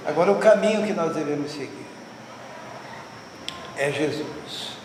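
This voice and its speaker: A man's voice: fairly high pitch, animated, unhurried. A man preaching a sermon in fervent, emphatic repetitions and leading an altar call. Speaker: pastor. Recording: echoey hall, distant from the mic, noisy.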